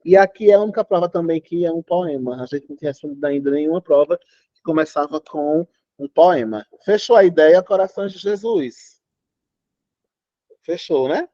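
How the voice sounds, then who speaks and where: A man's voice: sits high, warm tone, no echo. A Brazilian man teaching Portuguese in an online exam-prep class, emphatic and often checking that students follow. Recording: dull, lo-fi online class audio.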